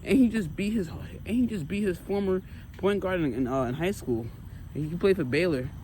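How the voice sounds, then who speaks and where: American man, somewhat high pitch, casual sports chat, animated, repetitive emphasis, talking while walking, noticeable vehicle noise. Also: moderate pace. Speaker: sports vlogger. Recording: clear street noise with passing vehicles.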